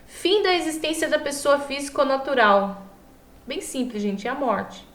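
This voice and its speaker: A woman's voice: high-pitched, lively intonation, moderate pace, fairly bright tone. A Brazilian woman teaching an online law class informally, her speech slightly impeded by a swollen mouth as she stumbles over long words and corrects herself. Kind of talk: online lecture, informal explaining. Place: echoey room, online class. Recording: echoey room.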